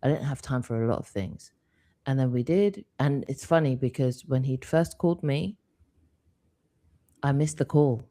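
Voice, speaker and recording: A man's voice: medium pitch, lively intonation, normal speed, long pauses, mellow. A man co-hosting a spiritual live talk, telling a candid personal story with quoted asides. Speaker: co-host.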